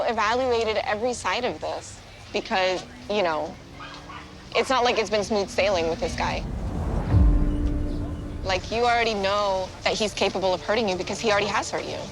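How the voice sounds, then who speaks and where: A woman's voice: medium pitch, moderate pace, poor audio. Woman, frank protective friend, teasing tone, light music underneath. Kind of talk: casual chat.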